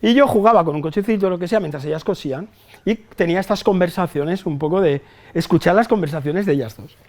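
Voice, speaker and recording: Middle-aged guy with a fairly high voice, cracking jokes in a talk to nurses, swears a bit, keeps asking "right?". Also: fast talker. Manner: chatty, anecdotal, swears casually, asks the audience for agreement. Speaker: psychologist giving a talk. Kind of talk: humorous conference talk to nurses. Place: hospital hall with a live audience.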